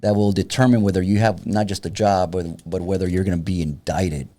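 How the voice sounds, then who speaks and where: A low, mellow male voice with fairly even intonation and a fairly quick pace. He's a San Antonio, Texas tactical trainer in his fifties, a guest on a podcast who talks in a wry, plain-spoken way during casual conversation.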